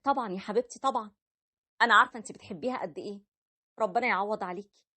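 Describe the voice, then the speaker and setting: A woman voicing a gentle, caring sister-in-law with an Egyptian accent. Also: medium pitch, very fast. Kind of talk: animated story voice acting.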